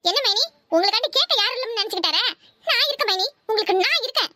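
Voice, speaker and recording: A woman's voice: very high-pitched, animated, sharp tone, dry recording, full character voice. A woman voicing a scheming, bossy young married woman in a cartoon, talking with a Kanyakumari Tamil accent. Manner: bossy, scolding, fast chatter. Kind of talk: cartoon voice acting.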